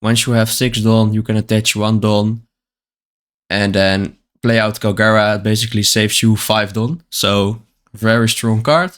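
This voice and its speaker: A man's voice: fairly low pitch, fairly even intonation, unhurried. A man with the hiccups, reading card text aloud and explaining it plainly in a casual card-by-card deck walkthrough. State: has the hiccups.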